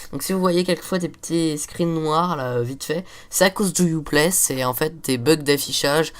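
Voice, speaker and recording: Stuffed up with a cold, this teen gaming host rambles through a casual let's-play and curses at the game as he goes. He talks at an ordinary pace in a slightly high voice.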